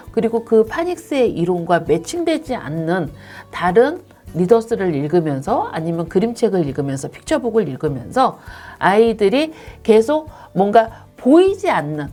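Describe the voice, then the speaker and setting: A woman's voice: medium pitch, a little mellow. A woman who directs an English academy, politely explaining teaching methods step by step to parents.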